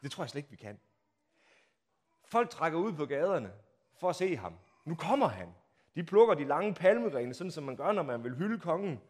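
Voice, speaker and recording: A man preaching a sermon, telling the story dramatically, acting out the crowd's shouts and asking the listeners rhetorical questions, swinging from hushed to loud. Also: on the high side, very animated. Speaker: pastor. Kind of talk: Palm Sunday sermon.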